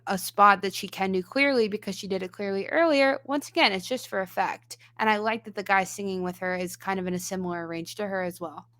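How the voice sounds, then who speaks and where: A woman's voice: medium pitch, a bit bright. A woman voice teacher giving analytical reaction commentary, explaining singing technique step by step.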